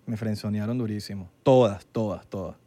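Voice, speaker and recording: A man's voice: fairly low pitch, a little fast, mellow. Slangy young Venezuelan man chatting. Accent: Venezuelan Spanish. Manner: slangy, laid-back, acts out quoted dialogue. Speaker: podcast co-host. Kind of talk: casual chat.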